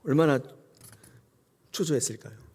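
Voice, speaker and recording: A middle-aged male pastor preaching a sermon and acting out scenes with sudden high cries. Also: measured pace, breathy edge. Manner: animated, acts out God's voice with sudden high cries.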